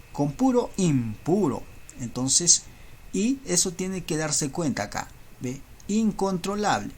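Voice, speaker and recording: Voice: medium pitch, a little mellow, a little hiss or hum. A teacher giving a recorded school lesson, explaining step by step and checking in with rhetorical tag questions.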